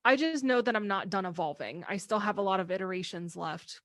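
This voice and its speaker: A woman in her mid-thirties hosts a casual podcast chat. She talks openly and at length, laughing now and then. Her voice sits in a middle pitch, recorded close and dry with no room sound. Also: a little fast, fairly bright tone, no echo. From American Midwest. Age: 30s. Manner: candid and talkative, with frequent laughs. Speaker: podcast host.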